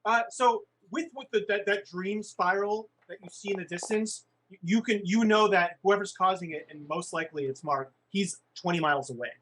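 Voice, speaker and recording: A man narrating as game master for a tabletop game, halting and restarting often. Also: high-pitched, fairly bright tone.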